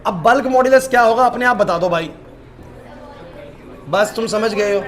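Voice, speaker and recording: Young male physics teacher in a classroom, high voice; scolds, coaxes, quizzes pupils by name. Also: moderate pace.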